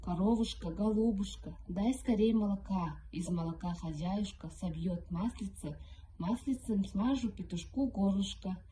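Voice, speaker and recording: A woman's voice: medium pitch, a little slow, mellow, slight background noise, lightly acted. A woman voicing an anxious, coaxing little mother hen in a folk tale, pleading urgently. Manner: urgent, coaxing repeated pleas.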